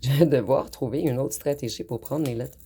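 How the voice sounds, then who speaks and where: A woman giving a calm, unhurried tarot card reading, speaking directly to her viewers. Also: a bass voice, a little hiss or hum. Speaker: tarot reader.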